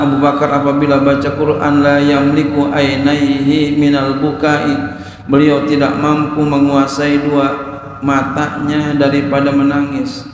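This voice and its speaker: A male religious teacher giving a study lecture, reading Arabic phrases and then explaining them in a lively, casual way with jokey asides. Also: fairly high pitch. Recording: very echoey hall, faint noise.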